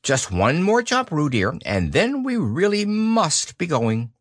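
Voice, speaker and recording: A man's voice: a little high, huge pitch swings, takes it slowly, no room sound, studio quality, voice pushed up, exaggerated voice. A man voicing a busy, motherly female kangaroo who only half listens. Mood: distracted.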